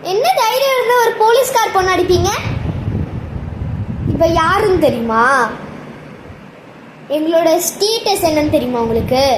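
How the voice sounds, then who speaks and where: Woman doing an indignant, status-proud mother. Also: very high-pitched. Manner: indignant, confrontational. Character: proud, angry mother from a police family. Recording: echoey room, faint background noise.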